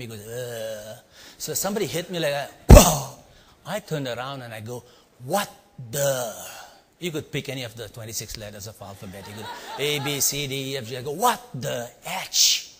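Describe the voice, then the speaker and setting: Speaking in a mid-range, slightly rough voice, this middle-aged Indian-accented man recounts something from his own life before a live crowd. He dramatizes his exclamations and quizzes the listeners, teaching storytelling as he goes, all within a hall's long echo.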